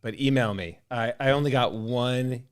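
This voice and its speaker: A man's voice: medium pitch, moderate pace, clean tone. A man co-hosting a casual podcast, speaking in a wry, self-mocking way. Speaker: podcast co-host.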